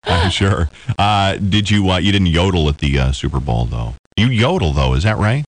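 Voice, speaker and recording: A man with a lowish voice who swings his pitch around a lot, hosting a morning radio show on a studio microphone. He jokes and teases his guest in quick banter. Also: lively intonation. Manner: joking, flirtatious.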